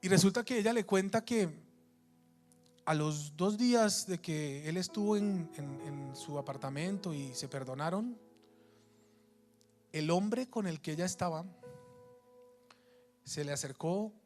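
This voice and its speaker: High-voiced man preaching a story. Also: expressive, measured pace, long pauses, darkish tone, faint music behind. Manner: storytelling, emphatic, with frequent restarts. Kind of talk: sermon.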